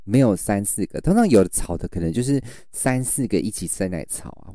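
Playful, mellow Taiwanese-accented man with lively pitch. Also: a little fast, dry recording, clean studio sound. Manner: teasing, playful. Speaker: conversation partner asking questions. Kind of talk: casual banter.

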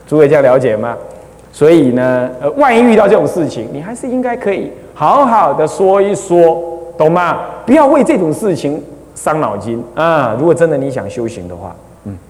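A man with a Taiwanese Mandarin accent, a Buddhist abbot giving a relaxed, anecdotal dharma lecture, often asking rhetorical questions and laughing at his own stories. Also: fairly high pitch, normal speed. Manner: chatty, keeps asking rhetorical "isn't it so?". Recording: long reverb of a lecture hall.

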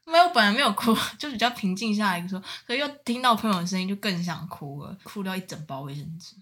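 A woman's voice: medium pitch, quick pace. A young woman with a Taiwanese Mandarin accent, co-hosting a podcast in casual chat and telling stories animatedly. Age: young adult. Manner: animated storytelling. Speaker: podcast co-host.

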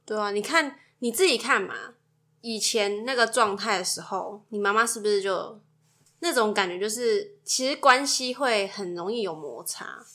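A woman's voice: mid-range voice, moderate pace, pushed and bright. A woman co-hosting a casual chat, asking probing, teasing questions. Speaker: podcast co-host.

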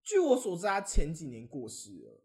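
A young man, co-hosting a podcast and telling stories in casual, animated chat. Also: a little high, moderate pace. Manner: animated storytelling, often laughing. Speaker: podcast co-host.

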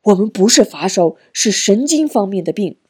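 A woman's voice: mid-range voice, lively intonation, moderate pace, darkish tone, breathy edge. A woman reading an audiobook, voicing a blunt middle-aged man. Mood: plain.

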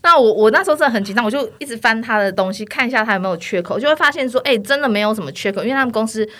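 A woman's voice: a little high, rapid-fire. A woman, an insurance agent telling stories in casual podcast chat, laughing often. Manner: lively storyteller, often laughing.

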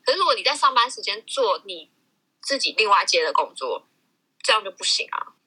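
A woman's voice: mid-range voice, sing-song, brisk, pushed and bright, slightly rough, rough recording. A woman, co-hosting a podcast, chatty and teasing, laughing often. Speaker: podcast co-host. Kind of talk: casual gossip chat.

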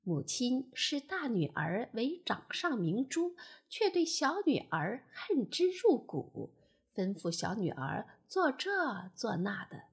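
A woman reading a children's bedtime story in a gentle, expressive way. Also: fairly high pitch, slow pace, slightly rough. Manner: gentle, expressive, sing-song.

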